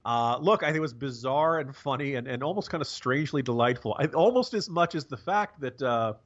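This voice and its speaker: An American man giving casual, wry political commentary as a podcast co-host, halting and rambling with a sarcastic bent. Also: mid-range voice, lively intonation, muffled recording.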